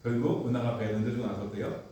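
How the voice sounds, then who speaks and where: A man teaching a church Bible class, telling the story with lively energy and asking the class questions. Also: mid-range voice, fast. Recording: echoey room from far off.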